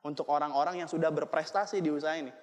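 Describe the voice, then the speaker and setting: High-voiced man speaking to a hall. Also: rapid-fire. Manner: lively, jokey, asks the crowd questions. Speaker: motivational speaker at a business seminar. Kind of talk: seminar talk to an audience. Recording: long hall reverb.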